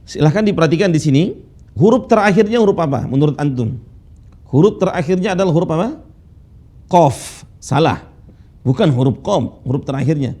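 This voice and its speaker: A man teaching Quran recitation rules, patiently drilling students with slow, drawn-out recited phrases. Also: fairly high pitch, expressive, mellow. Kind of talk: tajwid lesson with recitation drills. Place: classroom studio with whiteboard.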